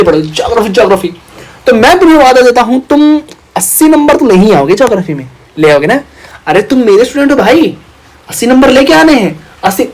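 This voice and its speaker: A man's voice: very high-pitched, low-quality recording. A young man teaching an online exam-prep lecture, talking playfully and teasing his students as their big brother.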